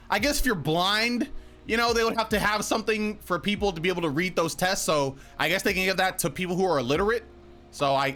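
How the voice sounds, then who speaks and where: A playful young man on a livestream, bantering with chat in a high, lively, bright voice. He teases and laughs a lot, with faint music playing under his desk mic. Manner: playful, teasing, laughs often, animated. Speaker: streamer. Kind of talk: casual chat reading viewer messages.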